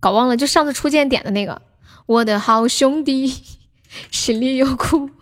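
A woman's voice: sits high, normal speed. A young woman hosting a casual livestream, chatting with viewers, laughing often and reading out their names. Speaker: livestream host.

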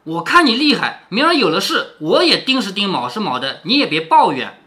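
A man's voice: sits high, big pitch swings, a little fast, bright, forceful tone, heavily acted. A man reading aloud and voicing a sly young noblewoman who laughs off paying her share. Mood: teasing. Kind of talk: storybook reading.

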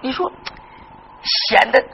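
A storyteller voicing a crafty, tearful seventy-year-old grandfather who was once a martial hero, wailing and shouting in a zhuizi dialogue. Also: slow, a little hiss or hum. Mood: wheedling. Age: older. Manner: wailing, theatrical sobbing and shouting. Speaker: storytelling performer.

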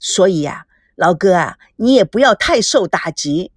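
A woman's voice: lowish voice, expressive, normal speed, breathy edge, no echo, studio quality. A woman voicing a cocky, clever teenage girl in an audiobook, talking in a coaxing, know-it-all way. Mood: earnest. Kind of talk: audiobook character voice.

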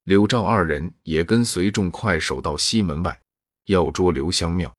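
A male storyteller reads a classical novel aloud with steady narration. His voice is low and husky. The recording is dry and close to the mic. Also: moderate pace, no echo.

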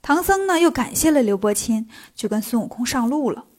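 A woman telling a comic story in a lively way, with playful asides. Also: on the high side, fairly quick. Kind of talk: comic children's story narration.

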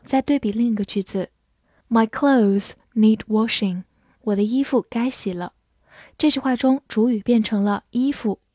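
A woman teaching English vocabulary, patiently modelling each phrase slowly for the learner to repeat. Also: on the high side, warm tone, breathy edge, no echo, clean studio sound. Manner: patient, slows down to model pronunciation. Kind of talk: vocabulary lesson.

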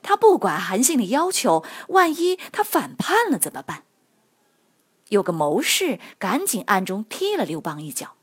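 A woman narrating history stories for children in a lively, expressive storytelling manner. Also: medium pitch, normal speed, husky.

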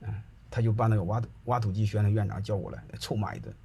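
A man's voice: fairly low pitch, lively intonation, quick pace, gravelly, a little mellow, slightly rough. A middle-aged man telling anecdotes to an audience in a chatty, colloquial way, often asking whether listeners follow. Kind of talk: casual storytelling to an audience.

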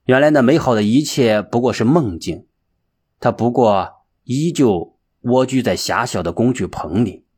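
Male audiobook narrator, husky voice, steady unhurried storytelling. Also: mid-range voice. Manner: slow, measured storytelling.

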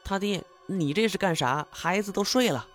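A man's voice: high-pitched, moderate pace, a bit bright, faint music behind, pitched above the performer's own voice. A man voicing a frantic middle-aged rural farm wife who pleads urgently. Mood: pleading.

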